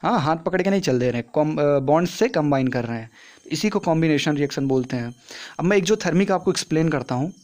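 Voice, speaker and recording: Fast and expressive, a young man with a fairly high, a little mellow voice gives a casual science explanation. He works through the lesson in a conversational classroom way, asking and then answering his own questions.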